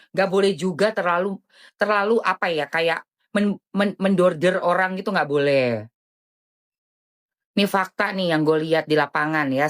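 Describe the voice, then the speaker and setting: Lady on a live stream, super chatty, voice jumps up and down all the time. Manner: animated, chatty, jumpy pitch swings, lots of slang. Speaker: selling skincare products. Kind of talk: casual live-stream chat.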